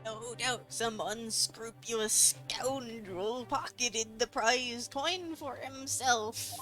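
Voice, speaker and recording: A British woman reading aloud the lines of a pompous, old-fashioned male detective in theatrical, archaic phrasing, at an unhurried pace. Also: a little high, a bit bright, soft background music, rough recording. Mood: mournful. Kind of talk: reading game dialogue aloud.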